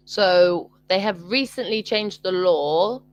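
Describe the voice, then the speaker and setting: This young British woman is an online English tutor chatting casually over a video call, hesitant and full of ums and restarts. Her medium-pitched voice moves slowly, and the recording is dry.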